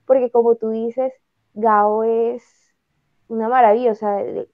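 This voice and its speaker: Higher-voiced Colombian Caribbean woman, slightly muffled. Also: little pitch movement, unhurried. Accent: Colombian Caribbean (costeño). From Ciénaga, Caribbean coast of Colombia. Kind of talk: casual conversational interview talk. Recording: slightly dull, lo-fi sound.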